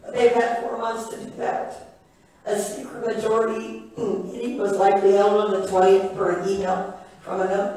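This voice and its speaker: A hoarse woman who is losing her voice gives a blunt, sarcastic public comment at a city council meeting. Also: medium pitch, mellow. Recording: echoey council chamber, far from the mic.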